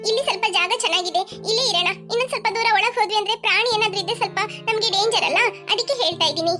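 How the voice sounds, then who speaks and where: A performer voicing a calm young woman guiding others through a forest in a cartoon, patient and reassuring. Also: extremely high pitch, racing. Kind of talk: cartoon voice acting. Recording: music playing behind.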